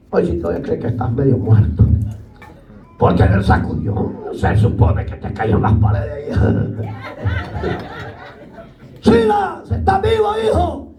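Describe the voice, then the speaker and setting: A man's voice: mid-range voice, lively intonation, normal speed, creaky, a crowd in the background. Impassioned male pastor preaching in an echoey hall. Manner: impassioned preaching, often bursting into shouts. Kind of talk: sermon. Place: church. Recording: echoey church hall, distant mic, faint music.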